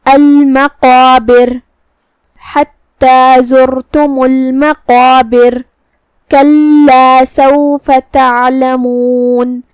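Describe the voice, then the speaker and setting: Woman, Quran recitation teacher, high voice, slow careful explanations, dry recording. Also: warm tone, dry recording. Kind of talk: Quran recitation lesson in Urdu.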